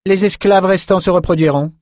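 A man's voice: sits high, steady tone, a little fast, darkish tone, no room sound, clean studio sound, voice pushed up, natural voice. A man reading an audiobook, voicing a cold, hissing female blood mage.

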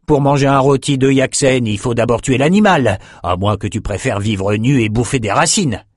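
A man putting on a gruff, demanding old father in a storybook reading, lifted a few notes above his own voice, scolding and insistent, close and dry with no room sound. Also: mid-range voice, moderate pace, no echo, pitched above the performer's own voice, natural voice. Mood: stern. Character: gruff older male father, stern, demanding.

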